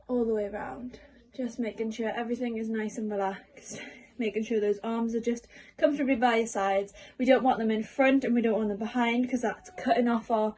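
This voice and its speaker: High-voiced woman teaching singing warm-ups. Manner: encouraging, simple step-by-step explaining for children. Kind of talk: warm-up lesson, spoken instructions to camera.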